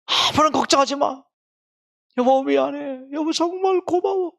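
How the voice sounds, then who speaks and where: A man's voice: very high-pitched, moderate pace, gravelly, fairly bright tone, voice pushed up, heavily acted. A man voicing a tearful, loving middle-aged husband who reassures his wife over the phone. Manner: sobbing, pleading, rising emotional.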